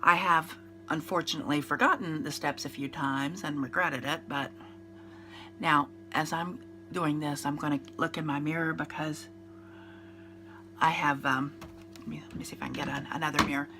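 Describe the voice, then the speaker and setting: With a low, bright and forceful voice held in a steady tone, this woman in her fifties talks at normal speed through a makeup routine. She's a beauty vlogger with a congested, nasal voice from a cold, chatting in a rambling, casual manner with fillers and restarts. Slight background noise can be heard.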